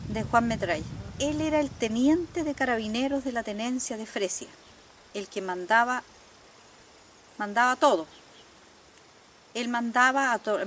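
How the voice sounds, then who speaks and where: An older woman with a Chilean accent gives documentary testimony as a survivor, earnest and halting, with pauses and repetitions. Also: fairly high pitch, a bit bright, slight background noise.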